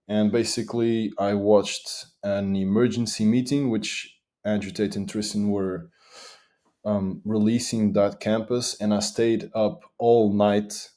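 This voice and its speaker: A man's voice: on the low side, mellow. A young man from Madeira, Portugal, answering interview questions eagerly with frequent restarts. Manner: eager, talks fast with restarts. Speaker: guest.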